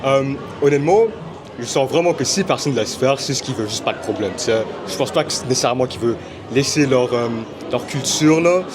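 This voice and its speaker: A young man, a student, answering an interview question in a relaxed, laid-back way. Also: medium pitch, fairly quick. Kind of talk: casual street interview. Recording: noisy crowded outdoor spot.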